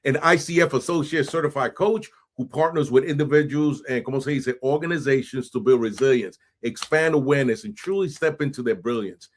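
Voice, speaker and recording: A man hosting a podcast, energetic and hype, sprinkling in Spanish phrases and frequent "right?". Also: mid-range voice, brisk, hardly any pauses, a little hiss or hum. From New York City. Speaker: podcast host. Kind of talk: animated podcast intro and interview.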